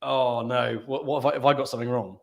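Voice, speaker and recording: A man's voice: medium pitch, level tone, fast, vocal fry. A British man in casual podcast chat, a rambling storyteller who laughs often. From Britain. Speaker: podcast co-host.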